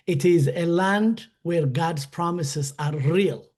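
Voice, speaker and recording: A man from Ethiopia speaks with a notably high, light voice. He tells his story as a webinar guest, earnest and halting, with frequent fillers and restarts. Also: a little mellow.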